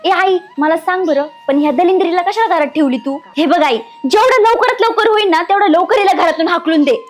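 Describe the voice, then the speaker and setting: A woman's voice: very high-pitched, fairly quick. An actress playing a spoiled young stepsister who sneers and whines at her stepsibling, with faint music behind. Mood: sneering. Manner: sneering, whiny. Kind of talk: village drama acting.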